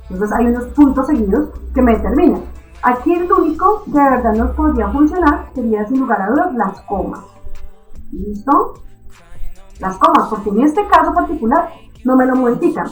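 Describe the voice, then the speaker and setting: A woman teaching an online reading lesson, constantly checking understanding with quick questions. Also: sits high, echoey room, poor audio.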